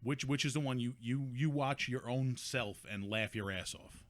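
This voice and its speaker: A man's voice: mid-range voice, moderate pace, noisy background. A man hosting a radio talk show, asking a guest questions in a casual, swearing, enthusiastic way.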